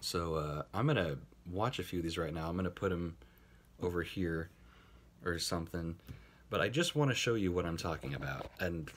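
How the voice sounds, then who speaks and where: Brief: male vlogger, deep but lively voice, sarcastic, swears casually while reacting to clips. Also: moderate pace. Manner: sarcastic, swearing, laughing asides. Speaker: YouTube commentator. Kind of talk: casual commentary vlog.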